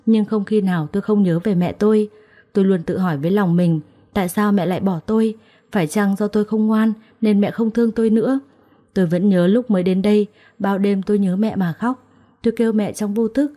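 A young woman narrating a first-person story in a calm, reflective way. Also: medium pitch.

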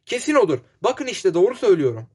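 A man's voice: sits high, big pitch swings, fast, a bit bright, voice pushed up. A man playing a mocking, defiant captive. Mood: gleeful. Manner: gleeful, mocking. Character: bound male captive, sardonic and defiant.

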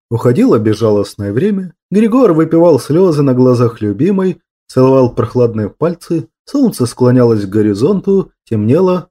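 A male audiobook narrator reads literary prose in a measured, lyrical manner. His voice is mellow and dark, at an ordinary male pitch. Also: breathy edge.

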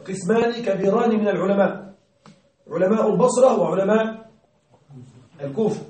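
A male grammar teacher giving a classroom lesson, questioning his students, checking that they follow and repeating key words slowly. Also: high voice, warm tone. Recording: very echoey room, distant mic.

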